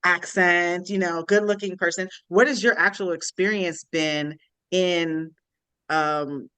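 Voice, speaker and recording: Bright, dry-sounding podcast co-host. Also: mid-range voice, steady tone, takes it slowly, smooth, dry recording. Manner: curious, thoughtful, laughs often. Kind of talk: casual interview questions.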